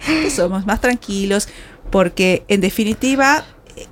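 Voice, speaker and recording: A woman's voice: mid-range voice, expressive, a little slow, a little hiss or hum. A woman from Argentina hosting a casual chat, asking questions and musing openly. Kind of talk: casual conversation.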